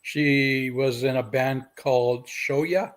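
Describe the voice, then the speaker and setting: A man's voice: mid-range voice, fairly even intonation, slow. A man co-hosting a podcast, casually chatting and correcting the other speaker's facts. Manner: contradicting, fact-checking. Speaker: podcast co-host. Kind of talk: casual chat.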